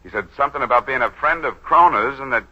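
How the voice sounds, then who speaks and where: In a 1940s radio drama, a male actor with a natural, mid-range voice plays a brash, wisecracking young lawyer turned schemer, slick and probing. His delivery is wry, breezy, fast-witted and smooth-talking, and the broadcast recording sounds dull.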